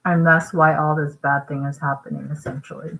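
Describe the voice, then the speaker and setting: A woman's voice: low voice, level tone, a little fast, creaky, a bit bright, low-quality recording. A woman from Vietnam talking casually to her vlog audience, rambling and emphatic, tagging her points with "right?" and eating while she talks. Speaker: vlogger.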